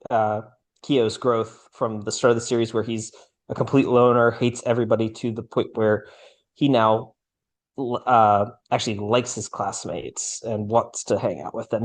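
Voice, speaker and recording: A man co-hosting a casual anime podcast, talking in a relaxed, agreeable way with occasional fillers. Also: on the low side. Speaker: podcast co-host. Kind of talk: casual chat about anime.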